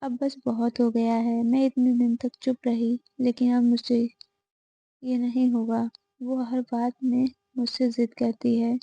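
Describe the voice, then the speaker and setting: Lady reading as a cranky old mother-in-law, gravelly, flat, scolding. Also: a little high, unhurried, no room sound, exaggerated voice. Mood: angry. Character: angry stubborn elderly mother-in-law. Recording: dull lo-fi audio.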